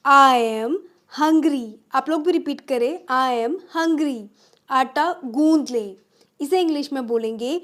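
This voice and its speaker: A woman teaching spoken English, saying each phrase slowly and repeating it for learners, with chatty asides in between. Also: sits high. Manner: slow, drawn-out repetition of phrases for learners.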